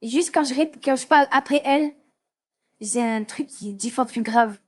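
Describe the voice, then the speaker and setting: A woman's voice: high-pitched, normal speed. A woman in her twenties chatting casually on a livestream, playfully echoing lines back and forth. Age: 20s.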